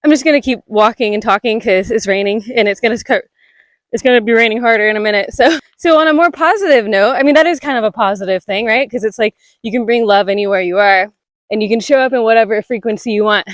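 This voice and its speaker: A woman's voice: fairly high pitch, fast talker, dry recording. A young woman talking casually while walking a rainy outdoor trail, rambling with many fillers and a little out of breath, on a close mic. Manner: rambling, lots of "like" fillers, laughs often. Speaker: spiritual vlogger. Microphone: body-worn mic close to the mouth.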